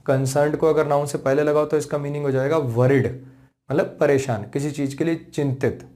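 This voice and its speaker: Slightly high with a steady, dark tone, this Indian-accented teacher patiently walks students through English grammar in class. He repeats points, keeps making sure they're following, and slows way down when spelling out English examples.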